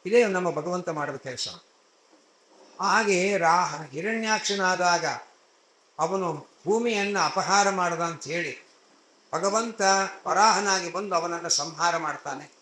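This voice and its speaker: A man's voice: high voice, takes it slowly, pauses often, bright, forceful tone. A man giving a religious discourse, telling scripture stories in a conversational way with everyday asides, recorded in an echoey hall. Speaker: spiritual discourse speaker.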